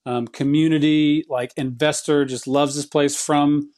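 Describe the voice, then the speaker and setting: A man's voice: a little high, steady tone, measured pace, a little mellow. A man hosting a podcast, talking in a casual, upbeat and friendly way with frequent fillers. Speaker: podcast host. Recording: music bed behind the voice. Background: background music.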